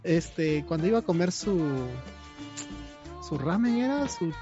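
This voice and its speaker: A man with a Peruvian accent chats loosely on a podcast call, stalling and searching for his words. His voice sits high. The dull, lo-fi call audio carries salsa music clearly in the background. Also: lively intonation, measured pace. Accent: Peruvian Spanish. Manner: rambling, hesitant, apologetic, stops and searches for words. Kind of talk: casual podcast chat over a video call. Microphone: video call microphone.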